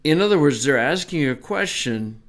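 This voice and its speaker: A man teaching a Bible lesson in a relaxed, conversational way, with small asides as he explains. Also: on the high side, normal speed.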